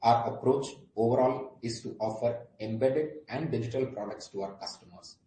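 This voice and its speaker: Faint background noise and a roomy echo accompany this earnings-call presentation by an Indian-accented executive. He delivers his prepared remarks formally, from a script, in a dark, medium-pitched voice at a moderate pace.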